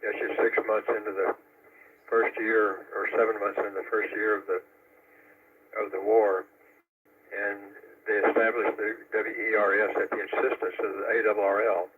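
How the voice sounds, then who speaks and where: A man's voice: fairly low pitch, level tone. Man on a static-filled two-way radio. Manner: halting delivery with frequent "uh" fillers. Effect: heard over a two-way radio with static. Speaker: amateur radio net control operator. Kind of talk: relaying announcements and a history talk on a radio net. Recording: tinny, distant radio transmission with static.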